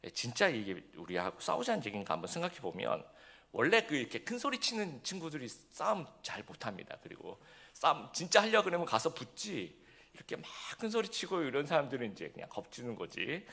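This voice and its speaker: A male pastor delivering a sermon in a relaxed, conversational way, full of fillers and asides that he puts to the congregation. His voice has a gravelly edge, and his pitch rises and falls widely as he talks. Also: fairly quick. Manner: conversational preaching with frequent fillers and rhetorical questions.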